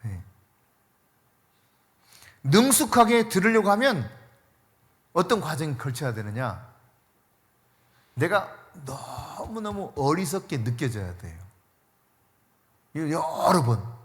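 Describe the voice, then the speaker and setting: A man's voice: fairly high pitch, sing-song, slow pace, pauses often, fairly bright tone. A male pastor preaching a sermon in a conversational way, stressing points by repeating key words. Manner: conversational, mixes casual and polite speech.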